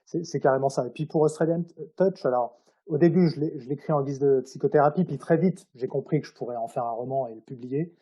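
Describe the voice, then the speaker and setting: A man's voice: medium pitch, fast, dark tone, husky. A man speaking informally and hesitantly as an author being interviewed. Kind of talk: casual interview, telling anecdotes about his own writing.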